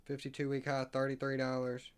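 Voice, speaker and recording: A man's voice: medium pitch, monotone, a little fast, clear, resonant tone. Guy streaming stock stuff, reads off numbers and dates, kinda rambly, stumbles a bit. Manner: thinks aloud, reads figures off the screen; reads text aloud with stumbles and asides. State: hiccuping. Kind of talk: casual live stream commentary.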